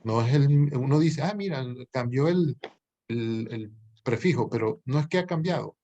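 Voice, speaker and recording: Man teaching grammar with thoughtful pauses. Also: medium pitch, animated, dark tone, highs cut off. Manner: patient, thinks aloud with pauses and self-corrections. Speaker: university language professor. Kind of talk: explanatory lecture to students.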